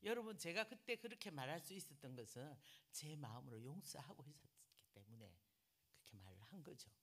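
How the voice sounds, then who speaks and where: A middle-aged woman pastor with a Gyeongsang accent, telling a story in a sermon. She is animated and swings from loud remarks to near-whispered asides. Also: low voice, a little fast, husky. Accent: Gyeongsang Korean.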